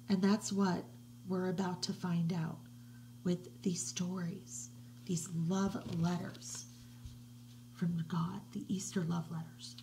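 A middle-aged woman reading a picture book aloud to children from her living room, slow and hushed with soft whispery passages, recorded on a webcam. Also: mid-range voice, creaky, slight background noise, low-quality recording. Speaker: children's religious educator. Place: living room at home, indoors. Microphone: webcam at desk distance.

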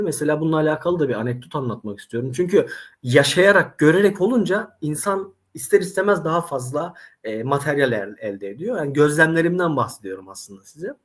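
Lively, animated Turkish-speaking man teaching. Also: fairly high pitch, fast talker. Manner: animated storyteller, addresses audience directly. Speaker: Arabic teacher. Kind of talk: casual interview conversation.

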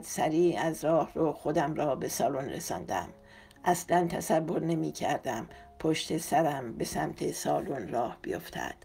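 A woman narrating a romance novel in a steady, expressive reading. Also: sits low, creaky, breathy edge. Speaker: audiobook narrator.

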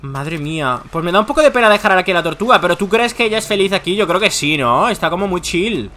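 High, bright, animated gamer guy. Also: fast, slight background noise. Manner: animated, theatrical, calls his brother "hermanito". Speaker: gaming YouTuber. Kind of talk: playful gameplay banter.

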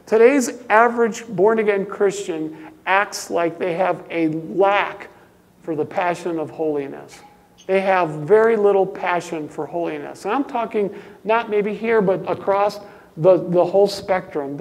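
Older pastor man preaching, emphatic, goes quiet then loud. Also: high voice, a little slow, in a large hall. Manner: emphatic, swings from soft asides to loud exclamations. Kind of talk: sermon.

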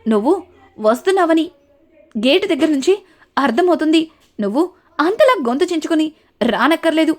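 A woman's voice: high-pitched, sing-song, a little fast, pauses often. A woman voicing a stern middle-aged mother-in-law who scolds the young women of the house. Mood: scolding.

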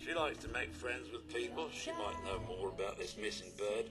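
A man plays a gruff video-game bartender with a Cockney accent, curt and lively in pitch, with music playing clearly behind him. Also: moderate pace, lightly acted.

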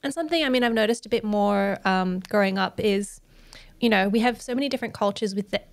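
Woman podcast host at a boom mic. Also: fast talker, gravelly, no echo. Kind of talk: podcast interview. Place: small studio room. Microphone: studio mic on boom arm, headphones.

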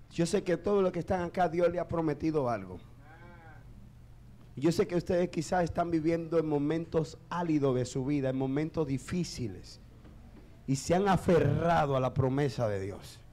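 A man preaches a sermon in a church, his voice pitched high for a man. He talks slowly and deliberately, climbing to loud shouted peaks and then dropping to quiet, low asides. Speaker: pastor.

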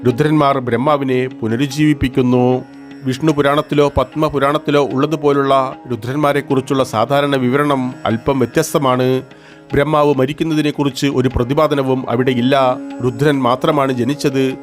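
A man's voice: mid-range voice, little pitch movement, normal speed, soft background music. Man reading old scripture stories. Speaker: storyteller.

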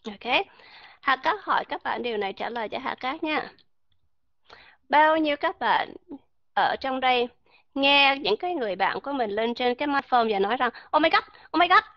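Higher-voiced woman teaching pronunciation. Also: moderate pace, long pauses, no room sound. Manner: calls herself by name, quizzes the class. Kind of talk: classroom lecture. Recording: dull lo-fi dry recording.

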